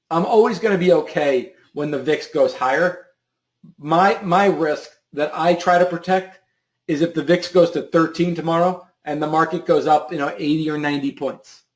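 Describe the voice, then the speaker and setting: A man's voice: fairly high pitch, moderate pace, echoey room. A man hosting a live trading stream, answering a viewer's question in a loose, rambling way, often repeating words and restarting sentences. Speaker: options trading show host.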